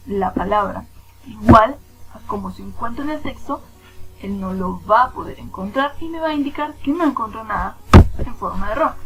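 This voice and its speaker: A woman's voice: a little high, fairly bright tone, low-quality recording. A woman teacher giving a screen-recorded spreadsheet lesson. She asks and answers her own questions and counts positions aloud step by step.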